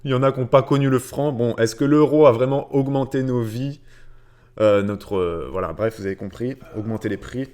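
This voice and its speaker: A man's voice: medium pitch, moderate pace, warm tone, clean tone. A man hosting a casual personal finance livestream, greeting viewers by name and chatting with many fillers and repeated words. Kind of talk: casual livestream chat reading viewer comments.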